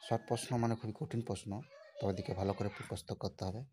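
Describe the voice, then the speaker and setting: A woman speaks as a teacher with an unusually deep, low voice. She talks fast and repeats her points, coaxing students and checking in with them as she goes. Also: fairly even intonation, a crowd in the background. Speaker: exam-prep teacher. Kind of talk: casual exam tips to students.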